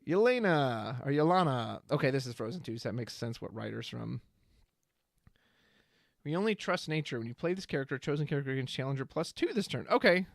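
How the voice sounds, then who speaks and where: A man's voice: fairly high pitch, no echo, studio quality. A man streaming live, casually thinking aloud as he reads card text and chat comments. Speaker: streamer reviewing trading card spoilers.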